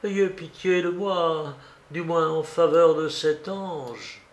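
A man's voice: a little high, slow. A man voicing a desperate, tearful estranged wife who pleads theatrically in an audiobook reading. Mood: imploring. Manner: pleading, theatrical, sobbing outbursts. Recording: roomy echo.

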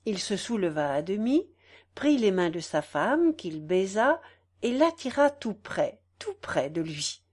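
A woman reads a novel aloud in a slow, dramatic way, leaving pauses between phrases. Her pitch sits in a middle range. The reading is measured and deliberate. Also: big pitch swings, a little mellow. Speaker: narrator.

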